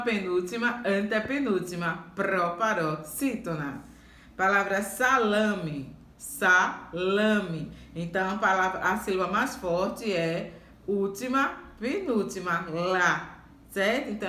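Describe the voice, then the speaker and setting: Bright-voiced teacher, echoey room. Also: female voice, medium pitch. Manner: slow, careful, repeats words and syllables. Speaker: primary school teacher. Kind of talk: reading out worksheet exercises. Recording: echoey room, faint background noise.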